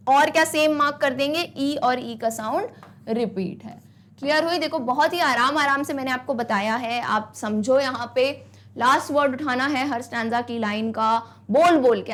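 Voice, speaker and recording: A woman teacher, encouraging her students with rhetorical questions and mixing English phrases into the lesson. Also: high-pitched. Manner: mixes English into talk; reads poem lines slowly and deliberately. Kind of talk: online class lesson.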